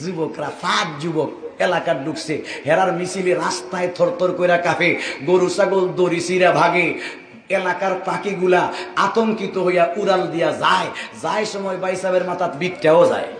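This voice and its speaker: A man with a Sylheti Bengali accent preaching a sermon to a large gathering, joking and calling on the crowd to shout back responses. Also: sits high, moderate pace. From Sylhet, Bangladesh. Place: outdoor religious gathering with crowd. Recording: echoey public address with crowd.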